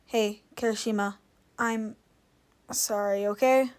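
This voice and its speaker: A woman reading the lines of a gruff, blunt teenage boy who talks curtly. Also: mid-range voice, fairly even intonation, slow, a little mellow, natural voice.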